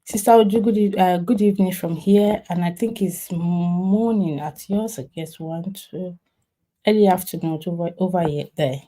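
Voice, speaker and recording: A woman hosts a casual live chat, her voice a little low and mellow. She speaks haltingly, stopping and restarting her sentences, with many fillers along the way. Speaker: livestream host.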